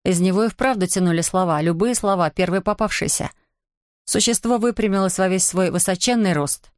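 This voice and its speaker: A woman narrating a fantasy novel aloud with an even, measured storytelling delivery. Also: mid-range voice, no echo, studio quality. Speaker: audiobook narrator. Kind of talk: scripted narration.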